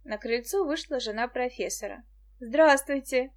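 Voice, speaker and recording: A woman narrating a children's adventure audiobook in a calm, even manner. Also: fairly high pitch, moderate pace. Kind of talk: scripted narration.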